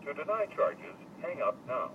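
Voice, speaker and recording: A man's voice on a recorded payphone collect-call message, giving formal, measured operator prompts. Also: on the high side, wildly swooping pitch. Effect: payphone collect-call recording over a phone line. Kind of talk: recorded automated announcement. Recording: tinny phone-line sound.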